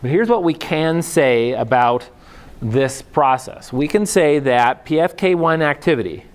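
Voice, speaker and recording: A man's voice: fairly high pitch, animated, unhurried. A man giving a university lecture in a casual, chatty way, often checking in with the class and drifting into joking asides. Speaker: professor.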